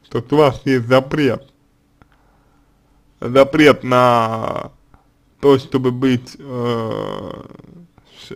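Slow, halting man. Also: mid-range voice. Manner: halting and deliberate, many fillers and restarts. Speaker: psychologist answering a reader's letter. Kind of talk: slow consulting monologue.

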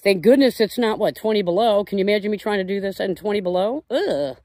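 A woman's voice: medium pitch, animated, fast, a little mellow, no echo. A woman who runs a koi farm, talking casually outdoors by a pond, gushing and cooing to her fish as she works.

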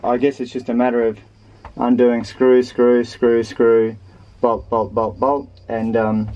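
A man in his forties on a sailboat, talking through an engine repair at a relaxed pace with plenty of ums. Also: medium pitch, unhurried, lo-fi sound. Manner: relaxed, matter-of-fact, hesitant with ums. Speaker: sailing vlogger. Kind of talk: casual how-to narration. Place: aboard a sailboat, engine bay and deck outdoors. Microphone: handheld action camera.

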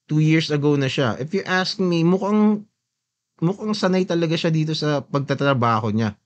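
A man with a slightly high, lively voice talks at a normal pace while hosting a podcast. He casually remarks on a video as it plays, switching between Tagalog and English and often tacking on a questioning tag to check that listeners agree.

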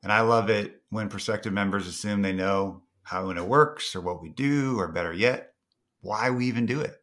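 A man's voice: fairly low pitch, moderate pace, a bit bright. A man speaking as a podcast guest, confident and playful as he talks up his company. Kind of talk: casual interview chat.

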